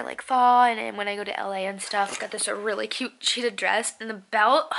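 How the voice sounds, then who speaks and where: Talking to camera in a lifestyle vlog, this young woman in her twenties sounds bubbly and drops "like" constantly. She's a beauty and lifestyle vlogger whose fairly high voice is bright and forceful.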